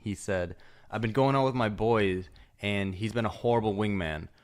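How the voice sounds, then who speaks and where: Young male co-host, somewhat low pitch, relaxed and jokey. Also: moderate pace. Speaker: podcast co-host. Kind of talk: casual chat.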